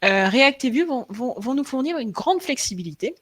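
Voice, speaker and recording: A woman's voice: high-pitched, expressive, normal speed, fairly bright tone. A young adult woman presenting a live online tech session, talking hesitantly with many fillers and restarts, checking in with her viewers, her throat slightly sore. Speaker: frontend developer presenting a live webinar.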